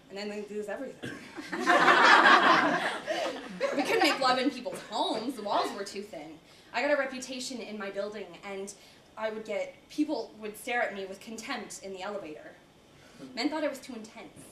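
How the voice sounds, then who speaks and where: A woman's voice: fairly high pitch, a bit bright, a little hiss or hum. A young woman student actor performing a staged monologue as a bold, frank former lawyer turned dominatrix, talking in a teasing way and breaking into laughter now and then. It was recorded on a distant camera mic in a college building, before an audience. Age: young adult. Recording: roomy, distant live-hall recording.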